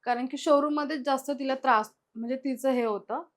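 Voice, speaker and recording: A young woman, appearing as a guest, casually retells her own experiences and acts out what the people involved said. Her voice sits high with a steady tone and a slightly fast pace. She's chatty, packing the story with quoted dialogue.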